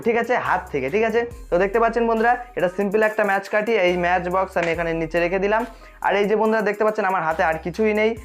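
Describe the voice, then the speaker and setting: A magician host explains a tutorial straight to viewers, often checking that they are following. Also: mid-range voice.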